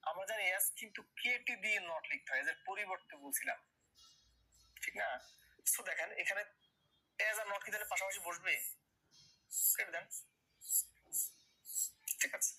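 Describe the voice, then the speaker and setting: A man's voice: high voice, normal speed, long pauses, sharp tone, husky, poor audio. A man teaching English grammar in a classroom lecture, repeating questions and key words to his students, with a Bangladeshi accent.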